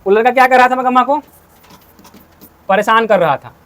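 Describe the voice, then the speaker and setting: Male teacher, very high voice, keeps asking questions and repeating. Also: brisk, a bit bright. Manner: asks and answers his own questions, repeats points. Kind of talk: explaining a story to students.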